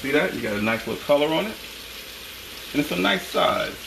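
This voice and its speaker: A middle-aged cooking show host with a fairly high, sing-song voice and vocal fry moves briskly through each step in short, off-the-cuff phrases and approving comments. The indoor home kitchen sounds echoey through a distant mic, with a pan sizzling and stirring in the background.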